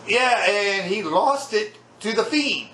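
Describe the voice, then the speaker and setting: Fairly high-voiced man in a roomy recording. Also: lively intonation, takes it slowly, bright, forceful tone. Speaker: podcast co-host. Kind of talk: casual wrestling chat. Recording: echoey room, faint background noise.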